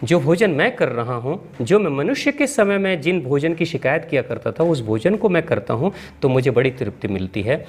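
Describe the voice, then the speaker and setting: A man's voice: a little high, very animated, moderate pace, few pauses. A man voicing an old male guru, reborn as a piglet, who speaks in an earnest, reflective way within a spoken story.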